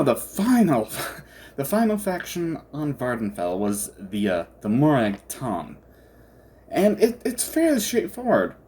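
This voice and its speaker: Casual, halting game commentator with swooping pitch. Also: a little mellow. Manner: halting and hesitant, often trailing off and chuckling. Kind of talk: casual rambling game discussion.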